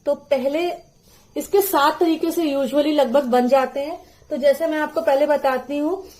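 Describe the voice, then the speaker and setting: A high-pitched woman talks through a phonics lesson at an unhurried pace. She is patient and stretches out each syllable so it can be copied. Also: darkish tone. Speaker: teacher. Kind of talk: phonics lesson for parents and teachers.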